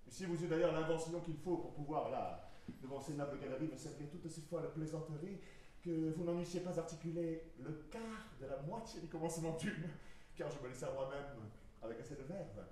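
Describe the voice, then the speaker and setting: Stage swordsman-poet male actor: high-pitched, hammy, witty, mocking verse declamation; distant, heavily echoing hall. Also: a little fast, dark tone, lightly acted. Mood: scornful. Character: Cyrano, proud witty mocking swordsman poet with a big nose. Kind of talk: verse stage play performance. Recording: echoey hall from far off, noisy.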